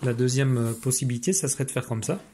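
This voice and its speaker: A man's voice: medium pitch, fast talker, mellow, a little hiss or hum. A man teaching, patiently explaining phonics exercises to parents, with frequent fillers and restarts.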